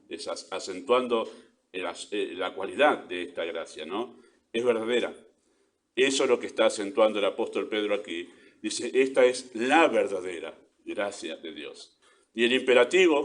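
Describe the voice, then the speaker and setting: Low-voiced Argentine man preaching. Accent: Argentine Spanish. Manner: earnest preaching, stresses key words, rhetorical "¿sí?" and "¿no?". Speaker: pastor. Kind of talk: sermon.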